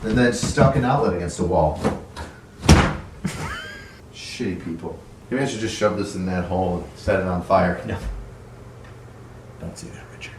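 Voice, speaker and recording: A man's voice: low voice, moderate pace, long pauses, noisy background. A man giving a casual, sarcastic and profane walkthrough of a run-down house he is renovating. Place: empty house interior. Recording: echoey bare rooms, mic at a distance.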